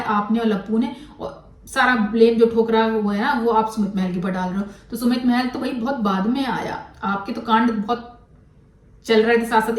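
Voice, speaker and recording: A woman's voice: a little high, far from the mic. Blunt woman commentator, echoey and off-mic. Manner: blunt, scolding, mixes English words into Hindi. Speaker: commentary vlogger. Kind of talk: critical commentary on a controversy.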